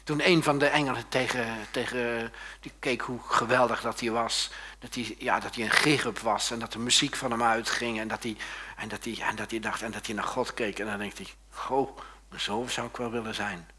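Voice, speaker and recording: A male pastor giving a sermon, lively and joking, often turning to the congregation with quick questions. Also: medium pitch, breathy edge.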